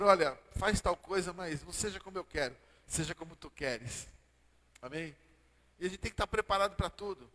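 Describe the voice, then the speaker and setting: A man's voice: high-pitched, a bit bright. A man with a Brazilian Portuguese accent preaching a sermon as pastor, often asking the church "Amém?". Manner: preaching with call-and-response "Amém?". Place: church hall. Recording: long church-hall reverb.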